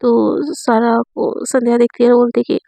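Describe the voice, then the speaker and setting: A woman narrating a romance story in a casual, chatty way, with a dry throat from fasting. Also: a little high, completely flat delivery, vocal fry, mellow, dry recording.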